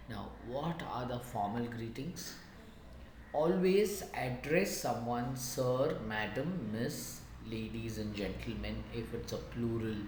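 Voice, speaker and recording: A man teaching a spoken lesson, explaining slowly and deliberately with many examples. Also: mid-range voice. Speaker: English teacher. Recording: echoey room with background noise.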